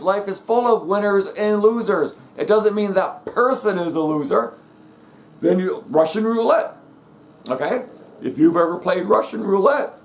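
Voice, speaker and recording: A middle-aged man with a fairly high-pitched voice holds forth in a blunt, emphatic rant. He hammers home his points and keeps asking "okay?" and "guess what?" to drive them in. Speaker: vlogger. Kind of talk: ranting monologue.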